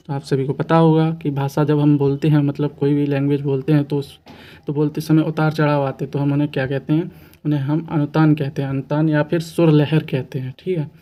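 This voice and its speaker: Mellow-voiced male exam coach, flat delivery. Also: a little high. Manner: patient, repeats questions and answers, asks rhetorical questions. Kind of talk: explaining quiz answers to students.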